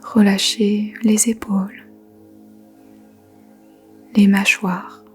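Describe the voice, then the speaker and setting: Guiding yoga nidra, she keeps her soft, whispery voice very slow, even and near one pitch. Gentle, soothing instructions and long pauses unfold over faint background music.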